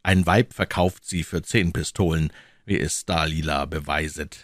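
A man's voice: a bass voice, a little slow, dry recording, studio quality. A man voicing an older, worldly captain in an audiobook, speaking in a grave, warning, lecturing way. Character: old, gruff, worldly male captain. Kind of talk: audiobook character voice.

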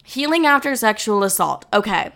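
A woman's voice: medium pitch, big pitch swings, normal speed, vocal fry, a bit bright. A young adult woman hosting her own podcast, talking candidly and bluntly to listeners with frequent swearing. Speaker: podcast host. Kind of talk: casual chat to listeners.

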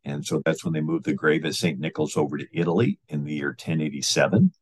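A man's voice: extremely low pitch, fast talker, slightly rough. A man explaining church history in an informal storytelling manner, with frequent fillers and restarts. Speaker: history lecturer.

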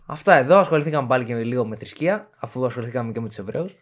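A man's voice: medium pitch, expressive. A man co-hosting a casual podcast, making dry joking asides. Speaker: podcast co-host. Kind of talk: casual chat.

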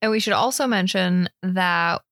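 Easygoing female podcast co-host, lower voice, dry close mic. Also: normal speed, dry recording. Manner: relaxed, agreeable, laughs easily. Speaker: podcast co-host reviewing beer. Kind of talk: casual chat.

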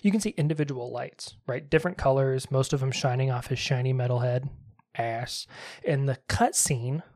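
A man's voice: medium pitch, normal speed, darkish tone. A man hosting a podcast who recaps a video game in casual chat, sarcastic and rambling, with plenty of swearing. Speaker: podcast host.

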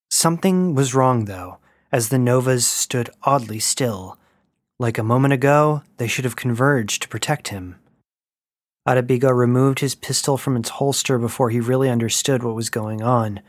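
A man narrating a science-fiction story in a steady, even reading voice. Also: mid-range voice, no room sound, clean studio sound.

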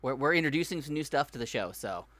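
Bright-voiced man hosting a casual podcast. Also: mid-range voice, expressive, fast talker. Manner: upbeat, jokey, reads sponsor plugs loosely. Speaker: podcast host.

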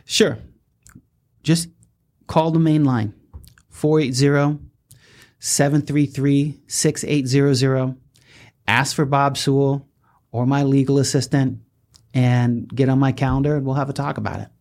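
In a relaxed podcast chat, a male lawyer walks through legal traps with lively energy and a ready laugh. He speaks in a mid-range voice.

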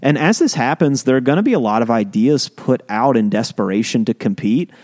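Male podcast co-host, middle pitch, casual storyteller who punches his key points. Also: brisk. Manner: storytelling, animated emphasis. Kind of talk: casual explainer chat.

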